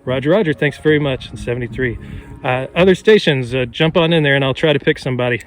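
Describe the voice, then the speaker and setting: Guy on a summit doing ham radio calls, reading out call signs in phonetic alphabet, steady clipped delivery, middle pitch. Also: fast talker, faint music behind. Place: outdoors on a mountain summit.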